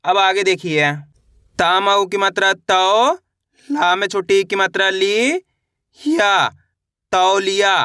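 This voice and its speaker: A man teaching children's reading, drilling each syllable slowly and asking his class how to read each word. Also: high voice, sharp tone, clear, resonant tone, dry recording, clean studio sound. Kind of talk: online lesson.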